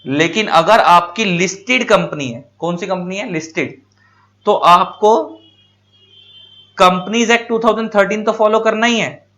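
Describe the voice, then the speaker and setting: A man's voice: high-pitched, measured pace, bright, forceful tone. A male teacher giving a classroom lecture in Hindi. He asks questions and answers them himself, repeats key points, and calls his students "beta".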